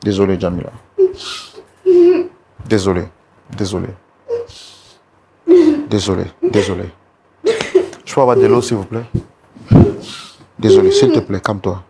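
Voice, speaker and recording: A man's voice: on the low side, big pitch swings, a little slow, pauses often, heavy background noise. Pleading male host, endlessly repeating himself. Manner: pleading, repeats the same words over and over. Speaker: talk show host. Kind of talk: consoling a distressed guest. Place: TV studio set.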